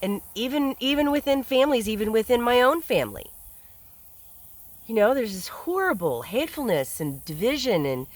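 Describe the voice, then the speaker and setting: A man's voice: very high-pitched, very animated, moderate pace, no echo, low-quality recording. A man hosting a solo podcast, speaking in an earnest, reflective way and often repeating words as he thinks aloud. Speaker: podcast host. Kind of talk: solo commentary monologue.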